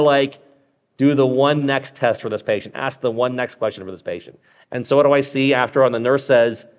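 A man with a medium-pitched voice hosts a live medical podcast, walking through clinical cases conversationally with many fillers and check-ins with the listener.

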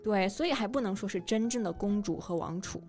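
A woman's voice: mid-range voice, animated, fairly quick, a little mellow. Woman co-host with a mid-range voice, affirming and giving examples, faint music under her. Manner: affirming, adds example sentences. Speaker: co-host and English teacher. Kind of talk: bilingual language lesson.

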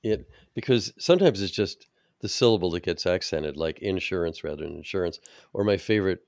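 A man's voice: sits low, animated, brisk, vocal fry, a little mellow, no echo, clean studio sound. A man hosting a podcast, joking around and laughing easily in casual chat. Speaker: podcast host.

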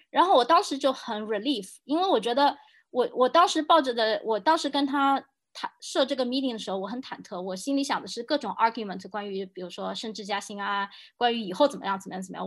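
Brief: fast-talking woman in her 30s, an executive guest on a podcast, earnest and emphatic. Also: mid-range voice. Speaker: game industry executive guest. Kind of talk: podcast conversation.

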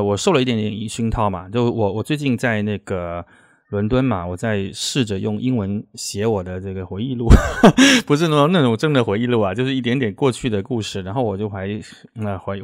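A man with a Chaoshan Teochew accent, a native Teochew speaker, hosts a casual interview and talks haltingly, often repeating words. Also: on the low side, no echo, studio quality. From Chaoshan, southern China. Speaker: podcast host.

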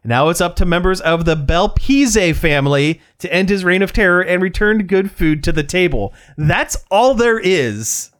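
A man's voice: high voice, moderate pace, hardly any pauses, a bit bright. A man co-hosting a podcast, talking casually in a rambling way, often restarting his sentences. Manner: rambling, restarts, reads aloud. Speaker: podcast co-host. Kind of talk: casual chat.

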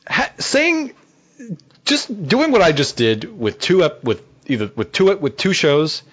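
A podcast co-host speaks casually and earnestly as a fan, acting out bits of imagined dialogue. His voice is a little high and a bit bright with a breathy edge, unhurried but full of huge pitch swings. The audio is lo-fi and slightly dull.

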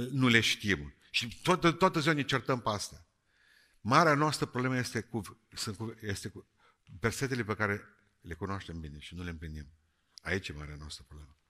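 A man preaching a sermon, lively and joking, moving between loud calls and quiet words. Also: medium pitch. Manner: lively, jokey, swings between shouting and quiet.

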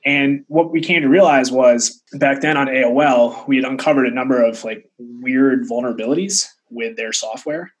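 Male tech guest, thirties, medium pitch with a rough husky edge, chatty anecdotal interview delivery. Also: moderate pace, few pauses, poor audio. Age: 30s. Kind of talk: casual storytelling in an interview.

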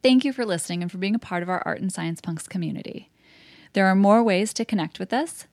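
A woman's voice: medium pitch, fast talker, no room sound, clean studio sound. A woman co-hosting a podcast, upbeat and encouraging as she wraps up the episode. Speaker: podcast co-host. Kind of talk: casual podcast chat and sign-off.

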